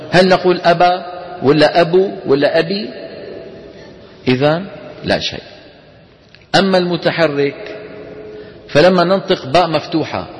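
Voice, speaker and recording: Levantine man teaching in an echoing hall. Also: on the high side. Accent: Levantine Arabic. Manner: asks the class questions and answers them himself; demonstrates letter sounds aloud for students to repeat. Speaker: Quran recitation teacher. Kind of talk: classroom lecture.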